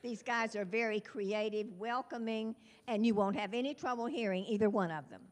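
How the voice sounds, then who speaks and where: The retiring neighborhood rep, an older woman with a fairly high voice, introduces newcomers at a chapel hall meeting at a moderate pace. She keeps laughing and losing her place, coming across as warm, giggly, scattered and self-deprecating.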